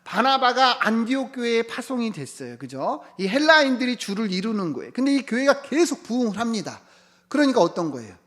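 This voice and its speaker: A male pastor preaching a sermon, asking the congregation many rhetorical questions and sometimes dropping to a hushed whisper for emphasis. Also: very high-pitched, very animated, brisk.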